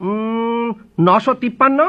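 A man's voice: very high voice, slow. An actor playing an officious, indifferent male city surveyor, fussy and bossy, in a comic audio drama. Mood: grumbling. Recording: dull lo-fi recording.

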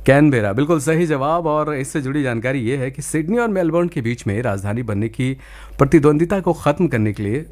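A male radio host presents a live phone-in quiz at a medium pitch. He is courteous and encouraging, explains at length, and drops in bits of English. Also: lively intonation, brisk, a little mellow. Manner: polite, encouraging, wordy.

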